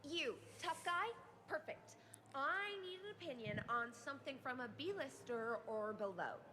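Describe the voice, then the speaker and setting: A woman's voice: high voice, expressive, a little slow, sharp tone, slight background noise, exaggerated voice. A woman playing a vapid rich young socialite in a video game, with a bubbly sorority-girl manner and a Valley Girl American accent. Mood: bubbly, entitled. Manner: bubbly sorority-girl airhead delivery, breezily entitled. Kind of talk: video game character dialogue. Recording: busy crowd chatter behind voice.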